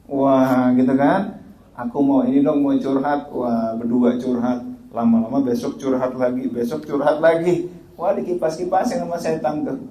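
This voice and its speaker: A man giving an Islamic sermon in a lively, animated way, often acting out the voices of the people he quotes. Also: mid-range voice, moderate pace. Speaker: Islamic preacher. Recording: echoey room.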